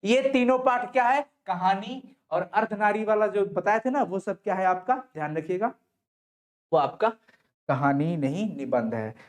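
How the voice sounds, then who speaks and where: Chatty hindi teacher explaining. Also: male voice, high-pitched, unhurried. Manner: repeats questions and answers them himself; reassuring, coaxing students to listen. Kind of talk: online class lecture explaining a story.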